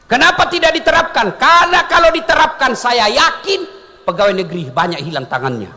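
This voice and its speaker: A man giving a humorous sermon, joking and animated, asking his audience questions. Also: extremely high pitch, brisk, long reverb tail, slight background noise. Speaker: Islamic preacher.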